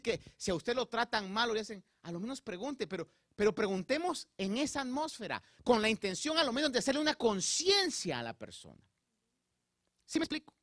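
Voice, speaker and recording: A very high-pitched male voice preaches a Spanish sermon, recorded in studio quality with no room sound. The pastor talks straight to his listeners, frequently checking in, his animated, preacherly style climbing in emphasis.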